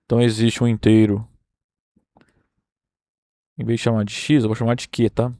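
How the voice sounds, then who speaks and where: A man's voice: medium pitch, level tone, normal speed, dark tone, no room sound, clean studio sound. Brazilian man lecturing through a proof. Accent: Brazilian Portuguese. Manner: explains step by step, checking in with "tá?" and "né?". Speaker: university math lecturer.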